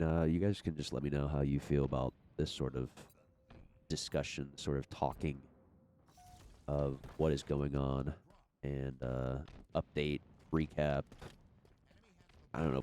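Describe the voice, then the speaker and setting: This young guy's voice is extremely low and dark, thickened by a cold, as he wanders through an unedited podcast-type chat about his gaming channel. He rambles with many fillers and restarts, and there's slight background noise.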